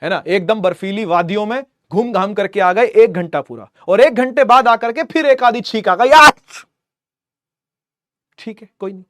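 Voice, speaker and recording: Playful high-voiced physics teacher. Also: male voice, moderate pace, few pauses, no room sound. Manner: playful, acts out little scenes with funny voices. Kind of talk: animated classroom lecture.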